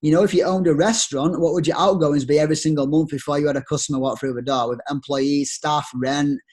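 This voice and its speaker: Fast and with fairly even intonation, a young Yorkshireman with a broad accent and a darkish tone pitches network marketers on a screen share. He's upbeat and persuasive, using plenty of rhetorical questions.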